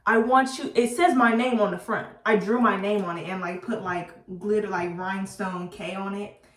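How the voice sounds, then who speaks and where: A woman telling a storytime to her viewers while doing her hair, chatty and animated, laughing at herself and using casual slang. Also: medium pitch, normal speed. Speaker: beauty vlogger. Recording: roomy, slightly distant mic.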